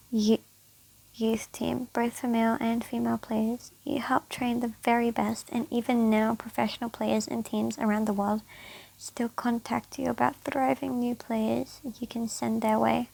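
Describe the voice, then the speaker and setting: Woman, sore throat, higher voice, gravelly fry, fan fiction read aloud, restarts phrases. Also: level tone, moderate pace, darkish tone, rough recording. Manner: stumbles and rereads phrases while reading. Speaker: YouTuber reading fan fiction.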